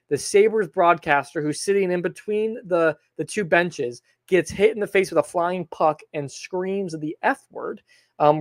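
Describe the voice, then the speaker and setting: A young man from hosting a sports podcast, recapping a hockey game in a rambling, excitable way with lots of fillers. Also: a little high, dry recording, clean studio sound. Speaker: podcast host. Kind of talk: casual sports recap monologue.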